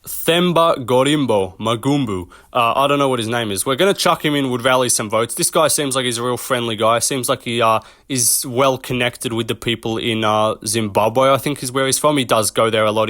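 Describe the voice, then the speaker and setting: A man's voice: mid-range voice, fairly bright tone, dry recording, studio quality. Rambling, swearing young man riffing on fighters. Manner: rambling, swears, chuckles at his own jokes. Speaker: MMA commentary channel host. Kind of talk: casual off-the-cuff commentary.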